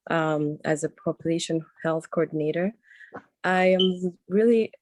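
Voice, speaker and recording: A woman introducing herself on a video call in an earnest, measured way. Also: low voice, darkish tone, dry recording. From Rwanda.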